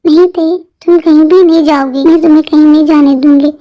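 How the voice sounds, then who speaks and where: A woman's voice: high voice, steady tone, a little fast, natural voice. A woman voicing a worried, fierce middle-aged mother in an amateur fan dub drama, speaking anxiously and scoldingly. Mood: anxious, angry. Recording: muffled lo-fi audio with soft music.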